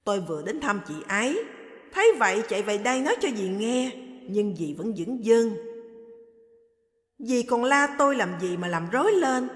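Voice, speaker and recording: Frank young woman read by a woman, lively higher voice, roomy echo. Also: moderate pace. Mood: urgent. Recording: echoey hall reverb.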